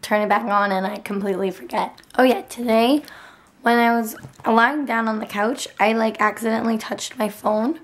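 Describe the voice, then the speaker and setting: A young adult woman with a nearly lost, raspy whispery voice and dry throat, chatting casually to a handheld camera in a bedroom. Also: fairly high pitch, fairly even intonation, moderate pace. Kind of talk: casual vlog chat. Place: bedroom, indoors. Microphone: handheld camera at arm's length.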